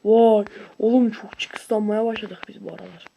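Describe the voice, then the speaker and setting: This video creator sounds high-pitched yet gravelly, calling out gameplay at a moderate pace. The commentary is excitable and slangy, punctuated by shouts and whoops.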